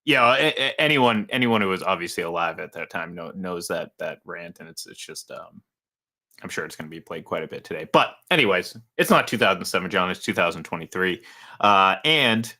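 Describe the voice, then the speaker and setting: On a laid-back sports talk show, this thirtysomething co-host keeps stopping, restarting, and filling gaps as he rambles. He has a low-pitched, sharp-toned voice.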